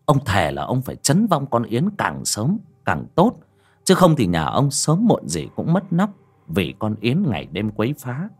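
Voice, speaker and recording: A man's voice: mid-range voice, huge pitch swings, unhurried, breathy edge. A man narrating a horror audiobook in a dramatic storytelling manner. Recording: narration over faint music.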